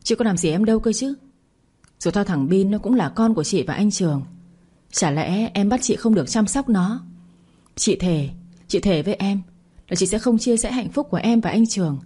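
A woman's voice: mid-range voice, expressive, moderate pace, dark tone, husky. A woman voicing a scheming young rival who taunts and mocks, read in a storybook telling. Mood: tearful pleading. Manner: sneering, taunting.

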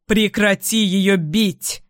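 A woman's voice: lowish voice, slow, dry recording, clean studio sound. A woman voicing a stern, protective man in an audiobook, speaking firmly. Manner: firm, stern. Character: angry protective man, firm. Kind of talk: audiobook character voice.

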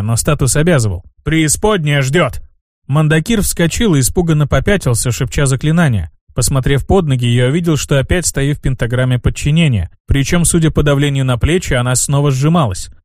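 A man's voice: mid-range voice, darkish tone, no room sound. A man reading a first-person fantasy audiobook in a wry inner-monologue manner, close to the mic. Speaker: audiobook narrator.

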